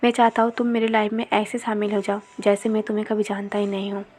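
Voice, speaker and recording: A woman's voice: medium pitch, monotone, fast, darkish tone, lightly acted. A woman voicing a hurt, angry young man in love who speaks bitterly and accuses. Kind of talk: storytelling with character dialogue.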